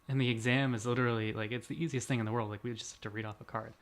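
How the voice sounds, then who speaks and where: A man's voice: mid-range voice, steady tone, racing, noisy background. A young man in his twenties chatting casually as a podcast co-host, rambling and self-deprecating, laughing often. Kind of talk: casual chat.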